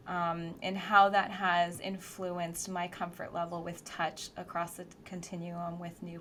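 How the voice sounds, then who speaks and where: An American woman, a therapist co-hosting a podcast, talks in a casual, thoughtful and reflective way, using lots of fillers. Her voice is fairly low in pitch with a fairly bright tone, and there is slight background noise.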